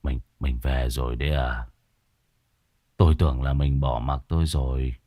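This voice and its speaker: A man's voice: low-pitched, huge pitch swings, slow, gravelly, a little mellow, no room sound, clean studio sound, full character voice. A man voicing a grieving old village father in a horror story, wailing and sobbing. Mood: weak, pleading.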